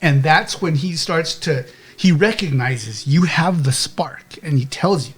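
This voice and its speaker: A man's voice: a little high, a little slow, breathy edge, soft background music. A man narrating a tabletop game as game master, rambling and checking in with "okay?".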